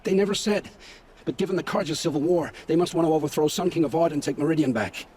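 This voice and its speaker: A man playing a guilt-ridden scavenger scout in a video game, speaking gravely and with haunted, poetic phrasing. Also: a little high, fast, a little mellow, a little hiss or hum, natural voice. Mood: defensive, anxious. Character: guilt-ridden male scavenger scout, forced informant, begging for family. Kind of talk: dramatic video game acting. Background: background music.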